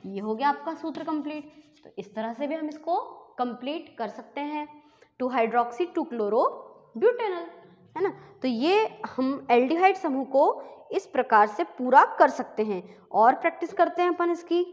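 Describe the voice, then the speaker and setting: A woman teaching chemistry step by step, asking questions and then answering them herself, often adding a quick 'है ना'. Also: high-pitched, expressive. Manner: explains step by step, asks and answers her own questions. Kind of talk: classroom lesson. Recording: dull, lo-fi recording with long reverb.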